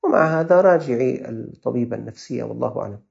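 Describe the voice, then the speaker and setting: A man's voice: medium pitch, lively intonation, fast talker, creaky, a little mellow, muffled recording. A man with a Levantine Arabic accent, a religious scholar answering listeners' questions with earnest, fatherly advice.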